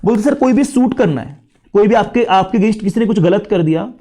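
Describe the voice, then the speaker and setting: A man's voice: high voice, a little fast, warm tone. Unwell Indian man teaching a class. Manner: chatty, mixes English terms into Hindi. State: unwell, lower energy. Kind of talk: casual classroom lecture.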